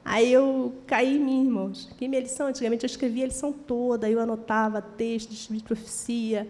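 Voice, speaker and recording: An older Brazilian woman preaching a sermon, telling personal testimony in a lively storytelling way and acting out the dialogue. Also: on the high side, a little fast, long reverb tail. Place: church hall.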